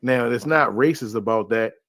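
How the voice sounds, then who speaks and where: A man holds forth in an easygoing, rambling way and keeps circling back with filler phrases. His voice sits at a middling pitch. It is recorded dry, with no room sound. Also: moderate pace, vocal fry, a bit bright, no echo. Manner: loose, conversational, heavy on filler phrases. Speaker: podcast panelist. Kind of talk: casual opinionated discussion.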